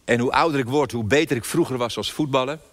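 An older man preaching a sermon, telling a personal story with emphatic pauses and repeated phrases. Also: mid-range voice. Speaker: pastor. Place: church hall. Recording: long hall reverb.

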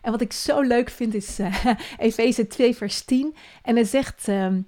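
A woman's voice: fairly high pitch, measured pace. Earnest woman hosting a devotional podcast. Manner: earnest and encouraging, often dropping to a soft hush.

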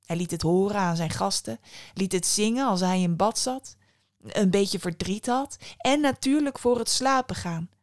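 A woman podcast host narrating a fairy tale in a calm, measured storytelling manner. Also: mid-range voice, dry recording, studio quality.

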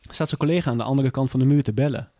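A man's voice: medium pitch, racing, warm tone, dry recording, clean studio sound. A man in a candid interview who speaks bluntly and plainly and often swears. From Groningen. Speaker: guest, former police officer.

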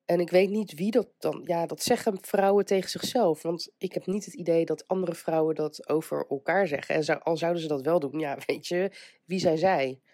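Still recovering and stuffed up with a cold, this podcast host speaks in a congested, warm, lowish voice at a moderate pace. Her casual motivational show is chatty and hesitant, dotted with small laughs, and the studio sound is clean with no echo.

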